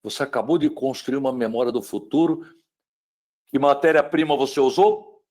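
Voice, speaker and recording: A middle-aged Brazilian man gives a webinar lecture on mental wellbeing in a mid-range voice at a moderate pace. He's dramatic, swinging between loud emphasis and hushed tones, and asks the listener rhetorical questions.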